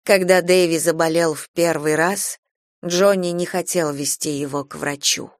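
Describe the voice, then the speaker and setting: A man reading a first-person literary novel aloud as an audiobook, in an even, measured way. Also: on the high side, dry recording, studio quality. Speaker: audiobook reader.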